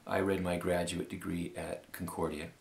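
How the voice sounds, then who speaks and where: A Canadian man in his fifties giving a formal, measured appeal statement with many pauses and fillers. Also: low voice, level tone, vocal fry. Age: 50s. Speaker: law school applicant.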